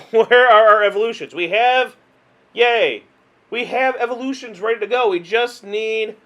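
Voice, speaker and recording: High-voiced man narrating a card game. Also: a bit bright, muffled recording. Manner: chatty, exasperated, self-mocking; hums and sighs, laughs at himself. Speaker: gaming video host. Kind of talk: casual card game commentary.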